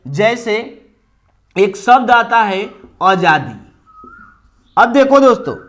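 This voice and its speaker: Slow high-voiced Hindi grammar teacher. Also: male voice. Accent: Hindi, eastern Uttar Pradesh. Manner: slow, explaining, asks and answers own questions. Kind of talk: classroom grammar lesson.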